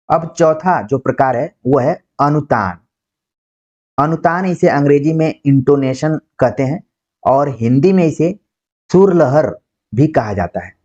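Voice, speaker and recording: A man's voice: a little high, darkish tone. Male Hindi teacher, dull lo-fi recording. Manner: explains slowly, acts out example words, says "ठीक है" often. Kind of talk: exam-prep lecture. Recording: dull lo-fi sound.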